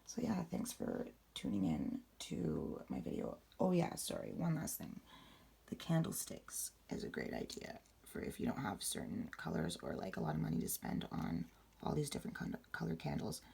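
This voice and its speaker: A young woman with a raspy voice, talking low and quietly late at night in a rambling, casual vlog. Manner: rambling, many fillers. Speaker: vlogger. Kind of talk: casual spiritual how-to vlog.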